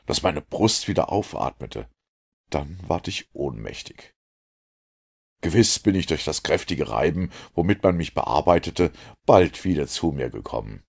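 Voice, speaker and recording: A man reads an adventure story aloud in a low, husky voice. His delivery is dramatic and expressive, with a lot of rise and fall in his intonation. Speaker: audiobook narrator. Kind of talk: dramatic audiobook narration.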